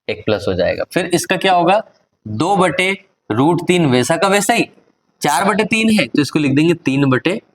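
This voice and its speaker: A man's voice: on the high side, fairly bright tone. A man with a Hindi accent teaching a maths lesson, working through each step aloud and quizzing the class. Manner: talks himself through each step and asks the class rhetorical questions; switches to motivational exhortation.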